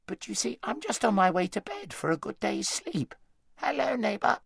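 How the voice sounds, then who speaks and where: A man's voice: high voice, sing-song, normal speed, vocal fry, a bit bright, husky, no room sound, clean studio sound, voice pushed up, exaggerated voice. A man voicing a sleepy, chatty male hedgehog with a thick, wheezy voice and a drawling, homely manner in an audiobook. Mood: folksy. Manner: drawling, homely country speech. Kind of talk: audiobook character voice.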